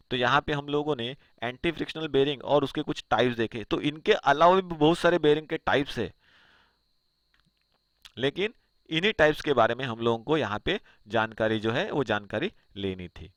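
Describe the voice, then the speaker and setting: A man's voice: mid-range voice, a bit bright, no echo. Man explaining in a dry room. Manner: asks himself questions and answers them. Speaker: engineering teacher. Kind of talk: explanatory lecture over slides.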